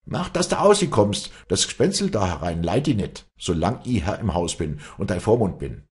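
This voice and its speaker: Storybook role: strict Bavarian older brother, read by a male narrator, commanding, lively and a bit gravelly. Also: lowish voice, fairly quick, pitched above the performer's own voice. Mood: stern. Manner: stern, commanding. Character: stern elder brother, head of household.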